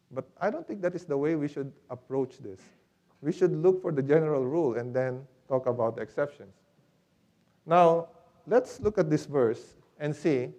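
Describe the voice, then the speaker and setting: A man in a church delivers a teaching sermon at a mid-range pitch. He moves through his points one by one and stops often to put questions to the congregation. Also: darkish tone. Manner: teaching step by step, with rhetorical questions. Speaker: preacher.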